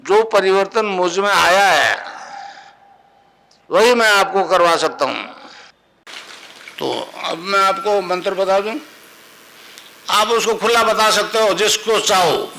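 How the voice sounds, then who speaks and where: Older male guru, instructive storyteller, pitched high. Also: takes it slowly, long pauses, bright, forceful tone, slight background noise, low-quality recording. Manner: storytelling, instructive, chants mantras. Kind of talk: spiritual discourse.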